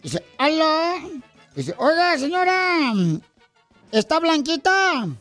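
A man's voice: very high-pitched, very animated, takes it slowly, sharp tone, soft background music, exaggerated voice. A man playing Casimiro, a goofy male joke teller on a radio comedy show, who rambles, repeats himself and makes sound effects. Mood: joking.

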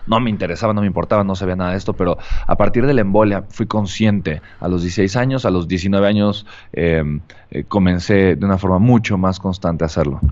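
A man's voice: low voice, fast, a little mellow. A man, an earnest podcast host who talks with many fillers and tag questions. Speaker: podcast host interviewing a guest. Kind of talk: conversational podcast interview. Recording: slightly muffled lo-fi audio.

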